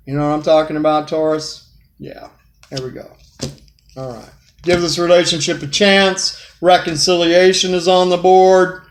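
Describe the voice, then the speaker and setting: A man's voice: on the high side, a little hiss or hum. A man giving a casual tarot reading, talking straight to the viewer in a folksy way and repeating his phrases. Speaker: tarot reader. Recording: echoey room.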